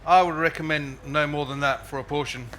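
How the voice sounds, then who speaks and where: A man's voice: on the high side, steady tone, fairly quick, fairly bright tone. A South African man with a whistling s, chatting informally as he gives a live cookery demonstration as a chef. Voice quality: whistling s from a false tooth. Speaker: chef giving a cooking demonstration. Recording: live event with clear background noise.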